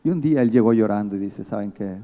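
A man's voice: on the low side, rapid-fire, lo-fi sound. A man with a Mexican accent preaching a sermon as pastor, telling stories and acting out the people he quotes. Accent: Mexican Spanish.

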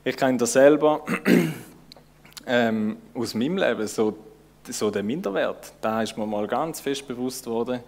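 A man's voice: medium pitch, unhurried, vocal fry, darkish tone. A man with a Swiss German accent giving a casual, conversational sermon, informal and searching, with many fillers and restarts. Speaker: preacher.

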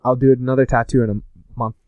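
A man's voice: little pitch movement, fairly quick, no echo, narrow, tinny audio. A man chatting casually with friends, joking and slipping into impressions. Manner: joking, does high silly impressions. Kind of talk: casual chat.

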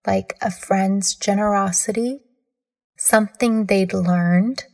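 A woman's medium-pitched, slightly mellow voice carries a scripted guided meditation with fairly even intonation. She speaks in a measured, comforting way and pauses deliberately between phrases.

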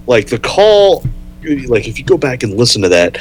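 Man, co-host, casual chat, eager, talks over the other speaker, mid pitch. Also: very animated, normal speed, low-quality recording. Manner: eager, jumps in to add memories. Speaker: podcast co-host.

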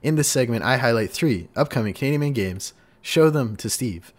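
A man's voice: mid-range voice, animated, moderate pace. Chatty upbeat male podcast host. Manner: upbeat, chatty, sings little jingles. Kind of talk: casual podcast chat.

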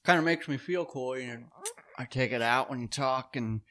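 A man's voice: medium pitch, moderate pace, a bit bright. A man hosting a casual chat, joking with mock-serious banter. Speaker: host.

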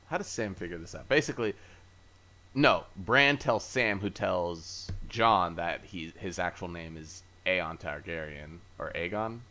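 A man's voice: deep voice, pushed and bright. A man hosting a podcast, casually recapping from memory in a rambling, easygoing way with many fillers and self-corrections. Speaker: podcast host. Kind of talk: casual chat.

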